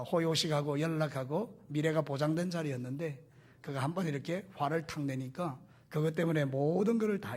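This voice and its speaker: Husky high-voiced male pastor preaching. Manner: animated preaching, questions to the congregation; folksy storytelling with humor. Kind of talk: sermon.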